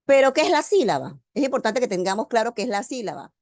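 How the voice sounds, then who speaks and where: A woman teacher giving an online grammar lecture, speaking slowly and deliberately and stressing key words. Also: on the high side, sing-song, darkish tone, dry recording. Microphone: video call.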